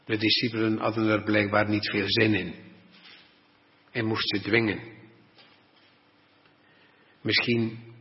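A man preaching a sermon, reading Bible passages in a deliberate, old-fashioned way and explaining them. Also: on the low side, level tone. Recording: dull lo-fi recording with long reverb.

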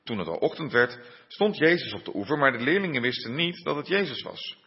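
Husky-voiced preacher in a reverberant church. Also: male voice, medium pitch, very animated. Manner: unhurried, with frequent hesitations and fillers. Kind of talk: sermon with scripture reading. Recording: dull muffled sound in a reverberant church.

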